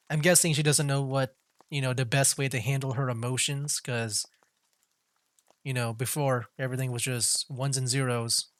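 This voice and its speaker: A man's voice: mid-range voice, a bit bright, no room sound. A man commenting casually on a story game as he plays, with frequent fillers and laughs. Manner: chatty, full of fillers and laughs. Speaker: gaming streamer. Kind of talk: casual let's-play commentary.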